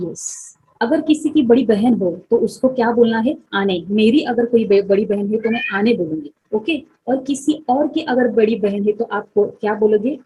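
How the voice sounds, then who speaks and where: A young woman explaining vocabulary step by step in a relaxed lesson, repeating words slowly and asking checking questions. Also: a little high, a little hiss or hum, poor audio. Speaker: Japanese teacher. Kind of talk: Hindi-English vocabulary lesson.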